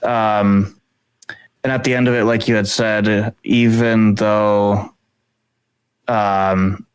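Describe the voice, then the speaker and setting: Laid-back man chatting, low voice. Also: little pitch movement, slow pace, clean tone. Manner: rambling, laughs easily, lots of fillers. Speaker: podcast co-host. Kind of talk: casual book discussion.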